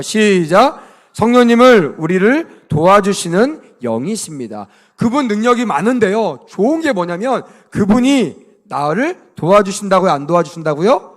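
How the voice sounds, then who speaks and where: Male pastor preaching to children in church, high-pitched and very animated, lots of questions. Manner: animated call-and-response, leads kids in reading aloud; asks the children frequent questions. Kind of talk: children's sermon at vacation Bible school.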